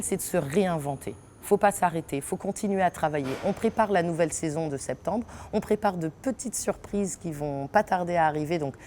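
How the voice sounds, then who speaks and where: This interview features a woman from French Guiana, an actress with her own theatre company, speaking in a low voice inside an unfinished theatre hall. Lively and prone to laughter, she hesitates often, with slight background noise present.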